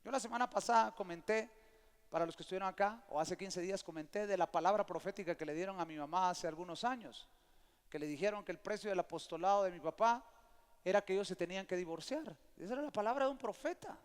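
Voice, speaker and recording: High-voiced pastor preaching. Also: male voice, quick pace, smooth. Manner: lively storyteller, calls for amens. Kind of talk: sermon. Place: church sanctuary. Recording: long church hall reverb.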